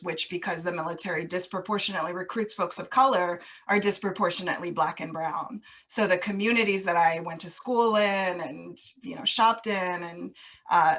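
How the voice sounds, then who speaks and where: A woman interview guest speaking casually and reflectively, laughing now and then as she talks about growing up on military bases. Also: lowish voice. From grew up on US military bases overseas. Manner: warm, reflective, laughs easily.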